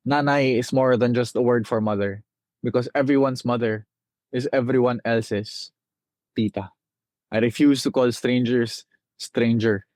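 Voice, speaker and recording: A young Filipino man from the Philippines, speaking with a Filipino accent, recites his own spoken-word poems from memory with rhythmic phrasing and dramatic pauses. His darkish voice is medium-pitched with fairly even intonation, and the recording has no echo.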